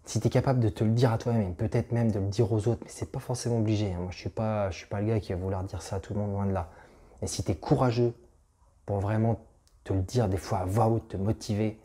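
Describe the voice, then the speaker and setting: Young male motivational vlogger, low mellow voice, chatty and informal. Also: fairly even intonation, quick pace. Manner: chatty, addresses viewer as "tu", frequent restarts. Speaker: motivational YouTuber. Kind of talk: casual direct-to-camera talk.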